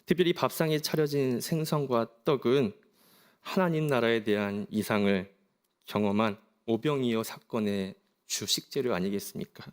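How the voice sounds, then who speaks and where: A middle-aged man from South Korea, a pastor preaching a sermon in a gentle, reflective storytelling manner. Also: medium pitch, moderate pace.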